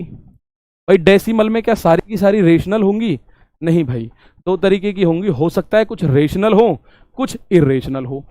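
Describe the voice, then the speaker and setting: A man's voice: sits high, warm tone, dry recording. A man teaching a math class to exam students, talking casually, repeating questions back to them and explaining with everyday examples. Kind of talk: online exam-prep class.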